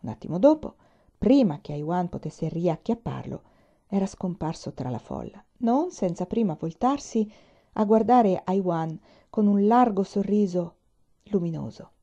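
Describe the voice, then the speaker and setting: A woman reading a novel aloud as an audiobook, in a measured, expressive way. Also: mid-range voice. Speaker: audiobook reader. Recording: dull lo-fi recording.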